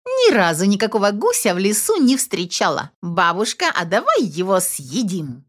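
A woman's voice: medium pitch, huge pitch swings, moderate pace. A woman doing a carefree little girl. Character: careless little girl, granddaughter.

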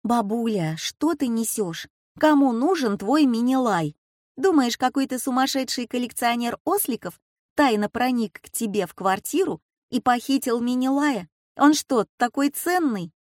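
A woman voicing a lively, teasing schoolgirl granddaughter in a storybook reading. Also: fairly high pitch, no room sound, clean studio sound, voice pushed up, natural voice. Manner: quick, teasing and bright.

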